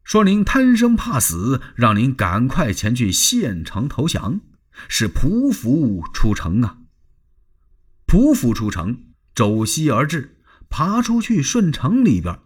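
A man's voice: mid-range voice, huge pitch swings, slow, breathy edge. A man telling a traditional Chinese story in a dramatic, sweeping style, often turning aside to address the listeners.

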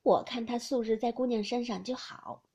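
A woman voicing a cheerful, outspoken young maid in a storybook reading, who chides briskly and teases. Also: on the high side, steady tone, a little mellow, slightly rough. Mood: chiding. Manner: brisk, teasing, scolding kindly.

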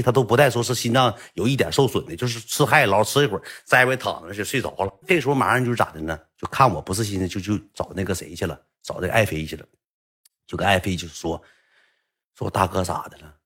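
Husky Northeastern Mandarin storyteller man. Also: mid-range voice, fairly bright tone. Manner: folksy, rambling, colloquial. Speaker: livestream guild boss. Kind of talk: storytelling monologue.

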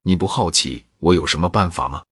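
A man voicing a clever, calm young man who probes and teases in an easygoing way. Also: deep voice, fairly quick, husky, no room sound, clean studio sound. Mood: knowing.

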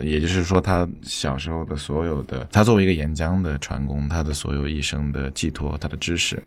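A man's voice: very deep voice, dry recording. A man who is a podcast producer, telling a story in a thoughtful, descriptive way and slipping in an English word now and then. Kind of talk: reflective storytelling in conversation.

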